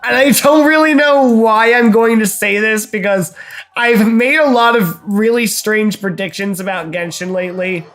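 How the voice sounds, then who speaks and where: A man co-hosting a live gameplay stream thinks out loud in a casual chat, theorizing and hedging with plenty of fillers. His voice sits high and a bit bright at a normal speed, with faint music in the background.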